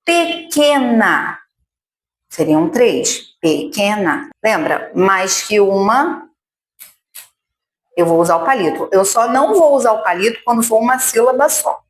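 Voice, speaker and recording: A woman's voice: fairly high pitch, lively intonation. A Brazilian woman teaching speech therapy, demonstrating at a table, patiently drawing out syllables and checking in with the viewer. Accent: Brazilian Portuguese. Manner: slow and patient, syllables drawn out, frequent check-ins with the viewer. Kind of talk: slow, deliberate instructional demonstration. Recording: echoey room with faint noise.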